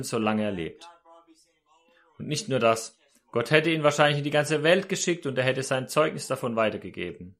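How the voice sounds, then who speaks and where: Man preaching with a lively, higher voice. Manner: storytelling, addresses listeners directly. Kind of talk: sermon.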